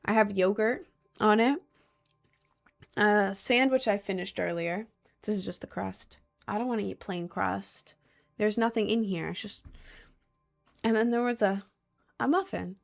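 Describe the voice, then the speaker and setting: A woman's voice: mid-range voice, creaky. Young woman rambling on a livestream. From United States. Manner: rambling, chatty, fillers like um and like. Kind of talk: casual stream chat. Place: home streaming desk.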